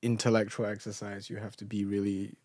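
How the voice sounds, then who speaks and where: A man's voice: on the low side, flat delivery, a little fast, darkish tone, no room sound. A young man with a Singaporean accent chats casually and jokily as a podcast guest, informal and self-deprecating, often saying "like". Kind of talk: casual comic chat.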